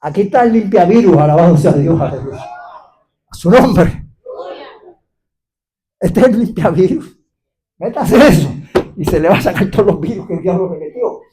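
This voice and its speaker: A man preaches with fire, his pitch leaping and falling through every line. He fires questions at his listeners and breaks into shouts of praise, the sound of a church gathering. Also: normal speed, long pauses. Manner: animated, exclaiming hallelujah, questioning the congregation. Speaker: pastor. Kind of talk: fiery sermon.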